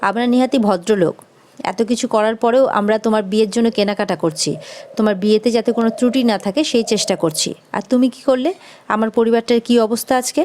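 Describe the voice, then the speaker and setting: A woman's voice: fairly high pitch, brisk, darkish tone, slight background noise, lightly acted. A woman voicing a stern middle-aged family head who lectures in a reproachful way.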